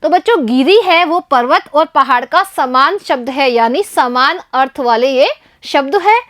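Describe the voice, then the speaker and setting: High-voiced teacher talking to children. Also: female voice, animated, measured pace, fairly bright tone, no room sound, clean studio sound. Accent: Indian. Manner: keeps addressing the children, asks and answers her own questions. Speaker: primary school teacher. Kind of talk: explaining a Hindi lesson to young children.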